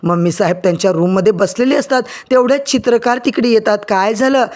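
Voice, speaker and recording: High-voiced man retelling a serial. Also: quick pace. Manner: lively, addresses viewers directly. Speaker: serial recap narrator. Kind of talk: storytelling recap of a TV serial.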